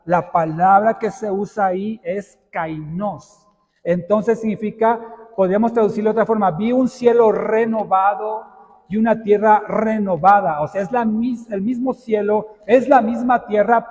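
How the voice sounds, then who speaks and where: A man preaches from the pulpit with a high voice. He explains slowly and puts questions to the congregation. His voice rings with the long reverb of a church sanctuary. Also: a little mellow. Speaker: pastor. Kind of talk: sermon.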